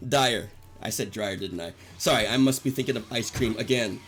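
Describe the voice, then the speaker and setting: A man's voice: medium pitch, moderate pace, a bit bright, slight background noise. A man streaming a game live, chatting playfully with his viewers, joking and teasing them, with game music running behind him. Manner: playful, jokey, teasing chat, laughs often. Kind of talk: casual live-stream chat while gaming. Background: video game music.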